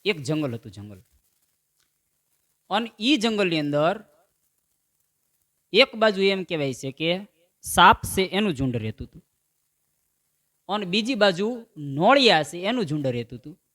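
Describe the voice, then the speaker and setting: A man's voice: sits high, measured pace, long pauses. A man telling folk comedy stories and acting out the quoted voices. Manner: animated joke-telling, acts out quoted voices. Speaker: stand-up comedian. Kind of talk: Gujarati folk comedy storytelling.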